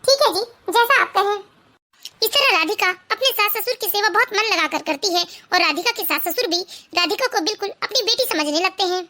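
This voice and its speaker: A woman narrating an animated family story in an even storytelling voice. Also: extremely high pitch, fairly quick, hardly any pauses.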